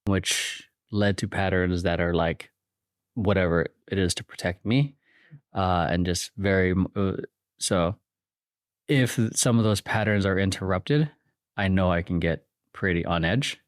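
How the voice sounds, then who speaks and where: Speaking a little slowly in a low-pitched voice, this Filipino podcast guest in his thirties reflects hesitantly, thinking aloud and frequently starting over. The casual interview is recorded in clean studio sound without any room sound.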